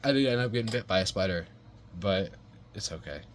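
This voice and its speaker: A young man with a lowish voice tells a story in a loose, rambling way, packed with curses, slang and "like"s. Faint noise sits behind him. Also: animated, brisk. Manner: rambling and profane, heavy slang and fillers. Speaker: vlogger telling a personal story. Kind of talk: casual storytelling.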